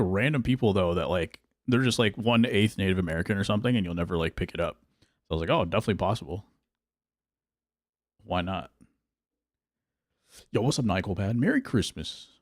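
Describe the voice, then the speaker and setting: A man's voice: low voice, lively intonation, moderate pace, pauses often, no echo, studio quality. A male streamer chatting casually while he plays, thinking aloud about his picks and answering his chat. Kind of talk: casual gameplay livestream chat.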